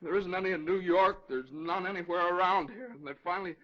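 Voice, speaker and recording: A man's voice: high-pitched, fairly quick, lo-fi sound, close to an everyday voice. An actor playing a young lawyer and frantic father, pleading urgently in 1930s film style. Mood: desperate. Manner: urgent, pleading, breaking into shouts.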